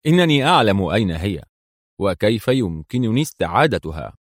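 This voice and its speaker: Brief: man doing a cool, confident secret agent, calm delivery, dry close sound. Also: fairly low pitch, a little fast, no room sound. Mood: calm, assured.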